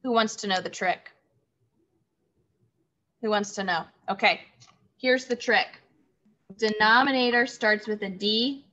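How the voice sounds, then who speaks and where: Woman, schoolteacher, unhurried, bright tone, repeats words for kids, muffled lo-fi audio. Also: mid-range voice. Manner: slow, clear, repeating key words for children. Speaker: third grade teacher. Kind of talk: online classroom lesson. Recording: dull lo-fi audio.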